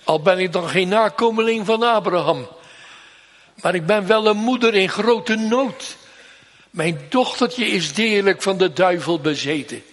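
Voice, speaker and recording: A man preaching a sermon in a church, solemn and emphatic, drawing out repeated pleas slowly. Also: sits high, fairly bright tone. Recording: long reverb of a church hall.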